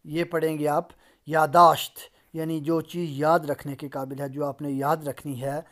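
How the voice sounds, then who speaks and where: A man's voice: on the high side, level tone, a bit bright. A man lecturing in a recorded lesson over slides, repeating and translating each sentence step by step. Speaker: Persian lecturer.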